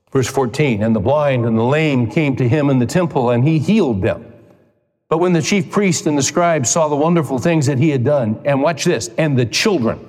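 A male pastor delivering an emphatic sermon, his voice climbing high when he stresses a point. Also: a little mellow. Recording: long reverb of a large hall.

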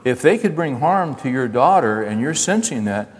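An older man preaching in a folksy, animated way, breaking into acted-out exchanges and direct asides to the room. His voice sits in a middling register and carries a long hall reverb behind it. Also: medium pitch, normal speed. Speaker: pastor. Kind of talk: sermon.

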